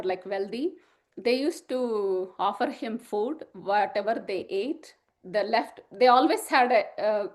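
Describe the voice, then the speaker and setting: A middle-aged woman, sharing an emotional personal testimony in a halting way, full of fillers and restarts. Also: a little high. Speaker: spiritual group member sharing testimony.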